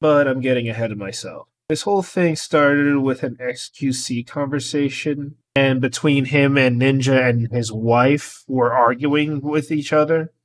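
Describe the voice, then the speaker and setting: Guy rambling on with his opinions, casual commentary, mid-pitched voice. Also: measured pace, few pauses. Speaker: commentary YouTuber.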